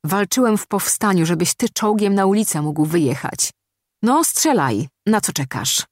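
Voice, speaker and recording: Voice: mid-range voice, animated, normal speed, vocal fry, husky, no echo, clean studio sound, voice pushed up. The narrator voicing a desperate middle-aged man pushing his way past soldiers to get his father-in-law to a hospital, with urgent, defiant speech.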